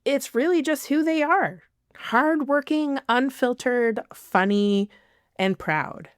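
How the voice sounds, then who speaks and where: A woman hosts a podcast in a slow, unhurried scripted monologue, her voice lowish and smooth. She is giggly and self-deprecating, laughing at her own slips and apologizing for them. The sound is close and dry. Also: no room sound. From not from the city she lives in now. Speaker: podcast host.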